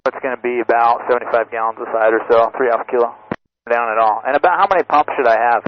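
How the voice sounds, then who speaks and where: A man, an airline pilot, making clipped, calm radio calls to the tower through his cockpit headset. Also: medium pitch, fast talker. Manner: clipped radio phrasing, calm under pressure. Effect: pilot radio call through a cockpit headset. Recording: muffled air-band radio with faint hiss.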